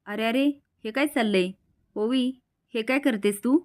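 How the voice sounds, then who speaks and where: A woman's voice: fairly high pitch, unhurried, natural voice. A woman voicing a stern village uncle. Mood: scolding. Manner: scolding, commanding. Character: stern protective middle-aged village uncle.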